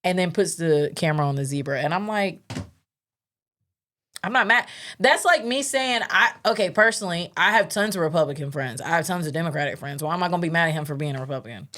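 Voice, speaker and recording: Casting: low-pitched woman, casual profane podcast co-host, laughs a lot. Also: animated, quick pace, few pauses, a bit bright. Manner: laughs often, profane, acts out quotes. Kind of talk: casual chat.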